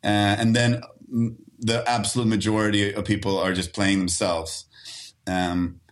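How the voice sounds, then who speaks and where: A man's voice: fairly low pitch, flat delivery, unhurried. A man from Sweden in his thirties, an actor talking casually as a guest, with many restarts and fillers. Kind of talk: casual interview talk.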